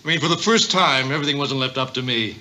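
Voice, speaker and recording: A man's voice: medium pitch, quick pace, bright, forceful tone. An actor in his fifties playing a vain, childish, needy boyfriend in a 1970s sitcom, theatrical and blustering. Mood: earnest. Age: 50s. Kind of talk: 1970s multi-camera sitcom acting. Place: TV studio set, indoors. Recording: noisy vintage TV studio soundtrack.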